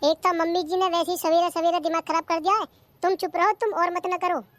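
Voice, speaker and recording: A very high, squeaky cartoon voice of a cheeky young daughter-in-law, as a performer puts her on. She talks back and grumbles, and the voice is close and dry. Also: steady tone, fairly quick, a bit bright, no echo. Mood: sulky. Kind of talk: cartoon comedy skit.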